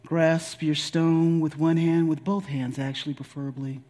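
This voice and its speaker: A man leading a guided spiritual meditation in a deliberate, soothing, gently instructive way with long pauses. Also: fairly high pitch, fairly even intonation. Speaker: spiritual leader guiding a meditation.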